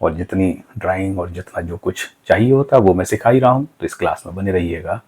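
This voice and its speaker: A man with a low, slightly mellow voice talks a little quickly as he hosts his cartooning channel. Teaching in an informal, earnest way, he gives motivational advice, asking rhetorical questions and listing examples.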